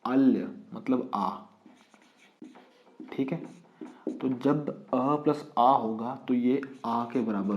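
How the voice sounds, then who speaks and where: A male teacher explains a grammar rule step by step, firing questions at his students and answering them himself. His voice is mellow and dark, and the recording is dull and lo-fi in a roomy space. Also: mid-range voice. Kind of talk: online exam-prep lesson.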